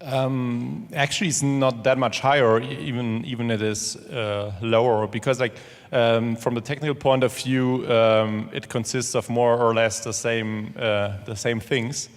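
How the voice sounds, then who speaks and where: A man's voice: mid-range voice, fairly even intonation, measured pace, few pauses. A man, a panelist answering hesitantly with restarts and fillers. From Germany. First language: German. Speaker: panelist, company CEO. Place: large conference hall. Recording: conference hall reverb.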